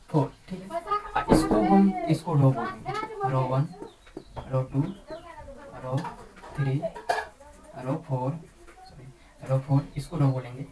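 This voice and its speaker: Low-voiced woman teaching math slowly. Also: rough recording. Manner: repeats words and says "ठीक है" often, slow deliberate explaining. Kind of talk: classroom-style math lesson.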